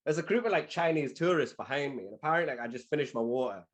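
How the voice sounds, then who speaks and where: A man's voice: medium pitch, very fast. A young man with a Geordie accent, telling stories as a podcast guest in a rambling, casual way full of "like". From Newcastle, northeast England. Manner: rambling, heavy use of "like", animated storyteller. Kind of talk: casual storytelling chat.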